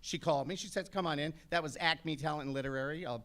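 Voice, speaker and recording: A man in his fifties on an actors' panel, telling brash, animated stories with comic asides to an audience. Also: on the high side, quick pace. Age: 50s.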